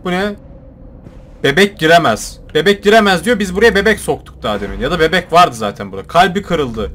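A young man commentating his own gameplay, joking and shouting at the game characters. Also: fairly high pitch, animated, brisk, a little hiss or hum. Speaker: gaming YouTuber. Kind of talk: let's play commentary.

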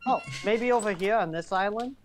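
Young adult female gamer, average pitch, scattered delivery, soft music underneath. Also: a little fast. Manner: distracted, trailing off. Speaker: gamer on voice chat. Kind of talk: casual gaming chat.

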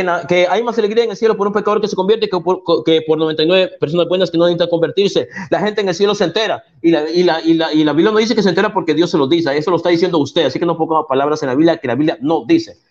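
A man's voice: sits high, fast talker, few pauses. A man in a heated online debate, combative and preachy, quoting scripture at his opponent. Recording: dull lo-fi call audio.

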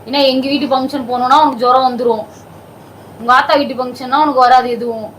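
A woman's voice: high voice, fairly even intonation, fast, a little hiss or hum, rough recording. A woman performing a comedy skit, nagging and scolding someone in an insistent, impatient way. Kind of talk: scripted comedy argument.

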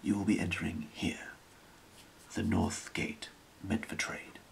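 A man in a whispered role-play, playing a scheming thieves' guild boss with a breathy, creaky whisper and a measured, secretive delivery. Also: sits low, big pitch swings, full character voice, rough recording. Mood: hushed, calculating.

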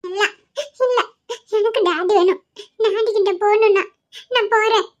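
A woman's voice: very high-pitched, fairly even intonation, a little slow, highs cut off, voice pushed up. A woman voicing a small boy in a cartoon, whining and crying as he pleads for his father. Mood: stubborn. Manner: whiny, sobbing, pleading.

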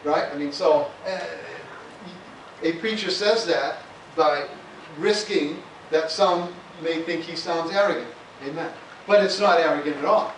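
Pastor preaching in an echoey church. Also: male voice, a little high, a little slow, fairly bright tone. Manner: conversational preaching, peppered with "amen" and "hallelujah". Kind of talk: sermon. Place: church sanctuary. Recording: echoey church room, voice from far off, faint hiss.

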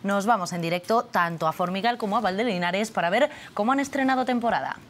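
A woman in her thirties, a news anchor reading the day's top story in a crisp, even studio delivery. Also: medium pitch, fast, a little hiss or hum.

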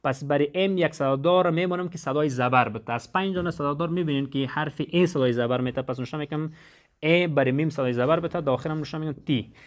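Man teaching step by step. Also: fairly high pitch. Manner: explains step by step, repeating each point. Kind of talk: classroom lesson.

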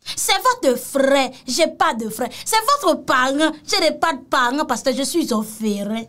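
Woman, mocking reaction commentator; high, very animated delivery. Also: measured pace. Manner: mocking and exclamatory, repeats phrases, mixes in Creole. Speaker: commentator reacting to a video clip.

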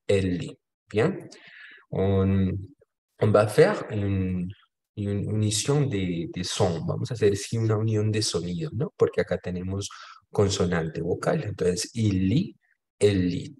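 A man's voice: lowish voice, slow pace, mellow. A man with a Colombian accent teaching a French class online, explaining each point in French and then again in Spanish.

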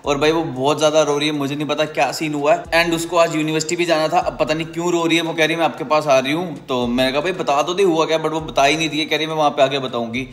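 A man's voice: fairly high pitch, fairly even intonation, fast talker, hardly any pauses, fairly bright tone. A young man hosting a casual vlog, chatting and teasing, talking straight to his viewers. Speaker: vlogger.

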